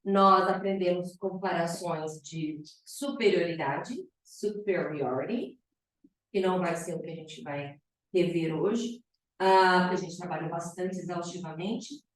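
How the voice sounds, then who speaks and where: A woman teaching English in a classroom, speaking slowly and repeating each example word. Her voice reaches the camera from across the room. The hard walls give it a heavy echo. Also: on the low side. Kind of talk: bilingual classroom lesson. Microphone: camera at a distance. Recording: echoey room, far from the camera.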